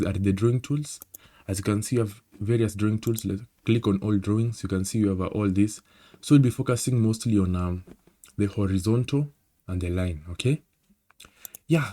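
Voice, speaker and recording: A Kenyan-accented trading instructor runs through a screen-recorded tutorial in a conversational manner, frequently checking in with "okay?". His voice is fairly low and warm.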